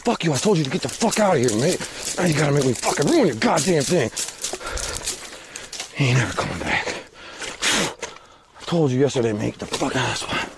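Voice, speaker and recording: A man chatting casually and excitedly, with profane, slangy exclamations. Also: a little high, brisk, long pauses. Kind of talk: excited casual chat during outdoor clips. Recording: noisy amateur recording.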